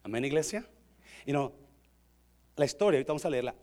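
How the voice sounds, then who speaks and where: A man preaches with a notably high voice. He is animated and joking, often turning to the congregation directly. His delivery mixes storytelling and emphatic exhortation. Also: fast. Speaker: pastor. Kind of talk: sermon.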